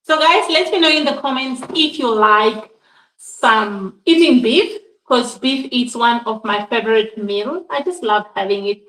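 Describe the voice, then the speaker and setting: Woman, cooking vlogger, chatty, addresses viewers as guys, fairly high voice, roomy echoey home kitchen. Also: unhurried, fairly bright tone, distant mic. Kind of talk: casual cooking demonstration.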